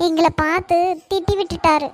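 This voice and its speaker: A woman voicing a hot-headed college girl in a cartoon, accusing and shouting. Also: extremely high pitch, steady tone, brisk. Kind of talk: Tamil cartoon voice acting.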